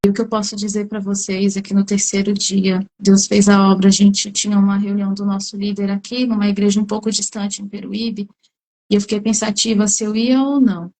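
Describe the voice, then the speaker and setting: A woman's voice: mid-range voice, flat delivery, fairly quick, a little mellow, low-quality recording. A middle-aged Brazilian woman giving a church testimony, telling the story and acting out her own cries in the quoted lines. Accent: Brazilian Portuguese. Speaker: speaker at a women's church meeting. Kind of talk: testimony sermon.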